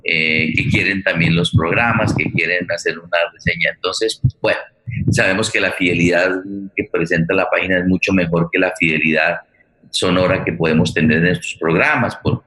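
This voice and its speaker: A man with a Colombian accent hosts an unscripted live online show, talking at length in a wordy, halting way and repeating words as he searches for the next one. His voice sits low, with fairly even intonation and a sharp tone, and the audio is poor.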